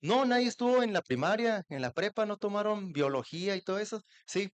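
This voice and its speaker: A man with a Mexican accent giving a lively, interactive university talk in a theater, often asking the audience to repeat sounds aloud. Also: sits high, fairly quick, smooth, no echo. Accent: Mexican Spanish. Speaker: lecturer.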